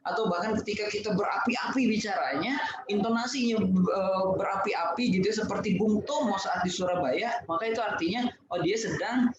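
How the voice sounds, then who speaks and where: A man's voice: high-pitched, a little fast, over a noisy crowd. A man giving an online lesson on public speaking, explaining point by point with many fillers. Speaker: webinar speaker. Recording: echoey, distant, dull and noisy.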